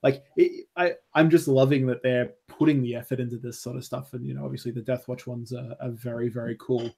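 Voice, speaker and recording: A man's voice: medium pitch, steady tone, fairly quick, creaky, a little mellow, breathy edge. Rambling casual man, swears freely. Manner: rambling, full of "like" and "you know", swears freely. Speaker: podcast co-host. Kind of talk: casual chat.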